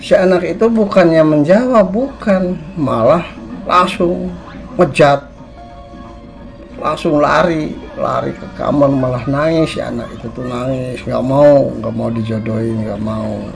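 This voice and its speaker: A man's voice: medium pitch, a little slow, creaky, soft background music. A man telling a spooky village story casually, rambling with many restarts. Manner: rambling, with frequent restarts and repetitions. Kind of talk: casual spoken horror storytelling.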